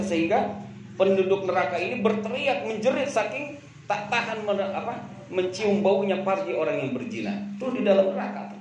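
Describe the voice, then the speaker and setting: A man preaching a sermon at a religious study gathering, chanting Arabic quotes and explaining them in lively casual speech. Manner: lively, swings from loud emphasis to low asides, chants Arabic quotes then explains; casual street slang and acted banter. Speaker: Islamic preacher. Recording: echoey room with faint background noise.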